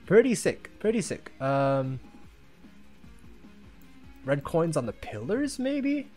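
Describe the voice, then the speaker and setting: A gamer giving excitable let's-play commentary, reacting aloud and talking to themself, with faint game music behind. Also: medium pitch, slow. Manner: excitable, reacts loudly with exclamations and self-talk. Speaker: gamer playing a Roblox obstacle game.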